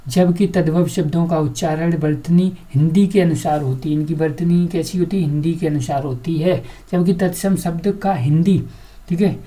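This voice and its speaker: A woman's voice: sits low, mellow. A woman teaching an exam-prep grammar lesson, asking the class questions and answering them herself, repeating each word several times.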